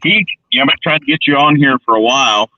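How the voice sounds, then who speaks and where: A man's voice: medium pitch, bright, forceful tone, no echo. Man breaking up on a bad phone line. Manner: halting, with many fillers and restarts. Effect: breaking up over a bad phone connection. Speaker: co-host calling in. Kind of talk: casual radio interview.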